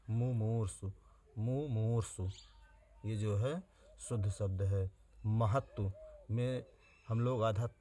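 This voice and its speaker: Low, mellow man teaching spelling. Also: a little hiss or hum. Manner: slow, repeats each word to spell it out; plain direct address to students. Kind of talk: exam-prep grammar lesson.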